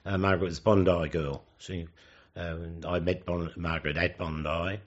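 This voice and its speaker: An elderly Australian man in his seventies with a low voice, reminiscing for an interviewer. He speaks haltingly, pausing and correcting himself as he recalls his life. The recording is dull and lo-fi. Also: steady tone. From Sydney, Australia. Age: 70s. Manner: halting, with hesitant pauses and self-corrections. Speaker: oral history interviewee.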